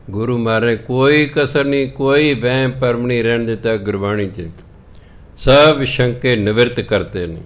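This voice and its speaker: A man giving a Sikh scripture discourse, explaining verses and slowly spelling out how words are pronounced. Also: lowish voice. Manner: slow, teaching, spells out pronunciation of scripture; chants quoted verses slowly. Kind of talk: religious discourse.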